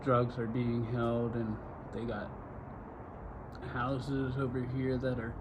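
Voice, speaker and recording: A man's voice: mid-range voice, flat delivery, slow pace. A man from Arizona talking in an urgent, repetitive, emphatic way for his vlog, recorded outdoors by a road. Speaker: vlogger. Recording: lo-fi with loud outdoor noise.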